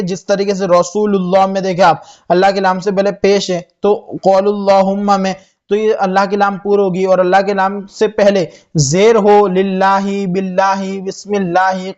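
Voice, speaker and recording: A man's voice: high-pitched, flat delivery, a little mellow, highs cut off. A young man teaching Quran reading, spelling out letters and vowel marks one at a time, asking questions and answering them himself. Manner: spells letters slowly, then reads the word drawn out; asks questions and answers them himself, says "theek hai" often. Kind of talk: spelling-out tajweed lesson.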